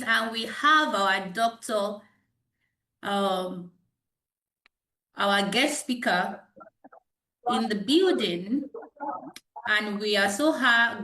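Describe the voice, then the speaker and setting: A woman's voice: mid-range voice, a bit bright. A Nigerian woman moderating a professional webinar, announcing politely and unhurriedly with some fillers, on a video call mic. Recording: echoey room over a video call.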